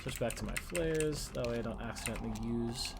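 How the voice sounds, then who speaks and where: A young man talking casually over a video game, rambling and mocking himself, now and then breaking into loud outbursts. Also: mid-range voice, brisk, gravelly. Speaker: gaming YouTuber. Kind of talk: casual let's-play commentary. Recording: steady noise under the voice.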